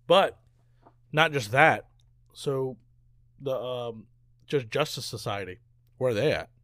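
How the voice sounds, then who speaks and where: A man co-hosting a casual movie review chat, animated and incredulous, who laughs a lot. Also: mid-range voice, takes it slowly, no room sound, clean studio sound.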